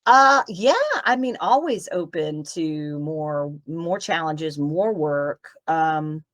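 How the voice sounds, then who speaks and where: A middle-aged voice actress from Tennessee is the guest in a casual interview over a video call. Her voice sits low and she speaks slowly, chatting in a rambling, open way.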